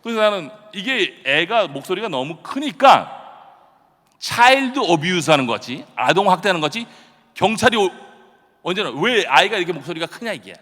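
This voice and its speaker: A middle-aged man preaching a dawn revival sermon, telling stories in a chatty, self-deprecating way and bursting into sudden loud shouts. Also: high voice, very animated, moderate pace. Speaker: pastor. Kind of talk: early-morning revival sermon. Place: church sanctuary. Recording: long church-hall reverb.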